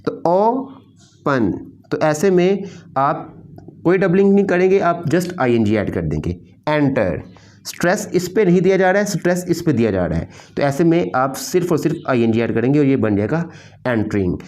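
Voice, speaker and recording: A man's voice: fairly high pitch, sing-song, normal speed, a little mellow. A man teaching an English grammar lesson, explaining patiently and repeating key points.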